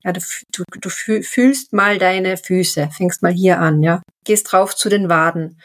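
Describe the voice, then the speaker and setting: Calm reflective woman podcaster. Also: on the low side. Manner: calm, reflective, drawn-out phrasing with many "ja" fillers. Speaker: podcast co-host. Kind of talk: casual podcast conversation on mindfulness.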